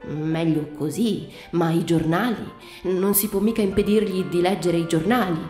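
A woman's voice: on the low side, normal speed, mellow, natural voice. A woman voicing an evasive male friend who teases and speaks with false indifference, in a read-aloud story. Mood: offhand. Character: evasive male friend, teasing, hiding something. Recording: roomy reading with faint music.

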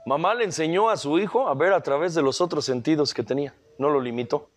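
A man's voice: a little high, quick pace. A man with a Mexican accent giving an emotional motivational talk at a recovery group meeting, earthy and full of coarse slang.

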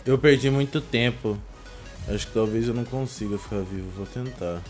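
A man's voice: mid-range voice, fairly quick, darkish tone. Young Brazilian man streaming a game. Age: young adult. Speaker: gaming streamer. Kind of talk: casual chat while gaming. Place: indoor gaming room. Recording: music playing behind. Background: music.

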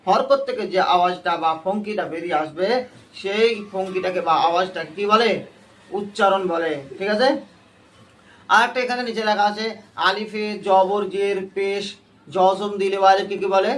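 A man's voice: sits high, fairly even intonation, normal speed, fairly bright tone. A man teaching a Quran reading class, quizzing his students with short repeated questions and waiting for them to answer together. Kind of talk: call-and-response class lesson.

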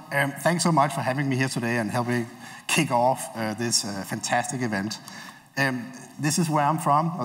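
Man speaking in a reverberant hall. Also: medium pitch. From Denmark. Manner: relaxed, hesitant, many filler sounds. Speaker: keynote speaker. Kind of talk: conference keynote talk. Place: large conference stage before an audience. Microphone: headset mic.

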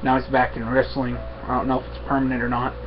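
A young man chatting casually to camera at home in an unhurried, halting, rambling way. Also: mid-range voice, completely flat delivery, over music. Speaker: vlogger, pipe smoker. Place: small room at home, indoors. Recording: dull webcam audio with faint noise.

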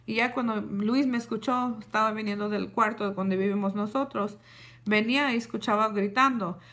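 Woman, young adult, casual storytelling, animated, code-switching. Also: medium pitch, normal speed. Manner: animated, switches between Spanish and English. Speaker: vlogger. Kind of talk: casual storytime to a live audience.

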